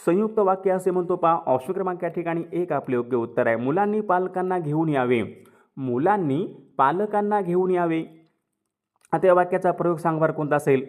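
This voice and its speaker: Male teacher, high voice, quizzes then answers, repeats key words. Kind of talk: exam question walkthrough.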